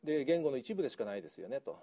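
A middle-aged male English teacher gives a chatty, laughter-filled lecture to an audience, lively and slipping into Kansai dialect. His mid-range voice comes out rapid-fire.

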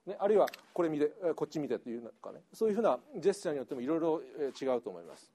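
A man's voice: fairly high pitch, racing. A middle-aged man, an English teacher giving a chatty lecture that is full of laughter. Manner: lively, chatty, laughs often, slips into Kansai dialect. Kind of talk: lecture to an audience.

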